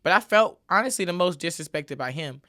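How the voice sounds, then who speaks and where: Fairly low in pitch yet bright and forceful, a woman's expressive voice moves a little fast as she hosts her podcast alone. She talks casually and emphatically, with lots of repeated filler tags.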